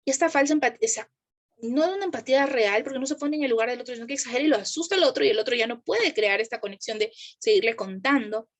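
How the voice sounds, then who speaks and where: A woman's voice: on the high side, rapid-fire. A woman speaking to a live group about parenting, asking the audience questions and acting out the voices she quotes. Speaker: parenting educator.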